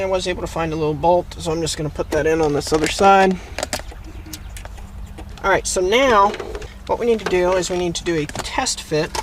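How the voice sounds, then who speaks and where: His voice runs on the high side, with background noise behind it. He hosts a how-to channel, narrating a casual hands-on tutorial as he works in or beside a parked vehicle, talking through each step and thinking out loud.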